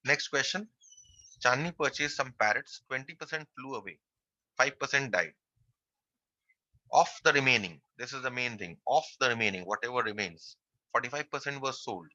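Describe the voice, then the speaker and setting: A man's voice: medium pitch, normal speed, sharp tone, dry recording, highs cut off. A man teaching a math class online, working through a percentages problem step by step and repeating the key phrases.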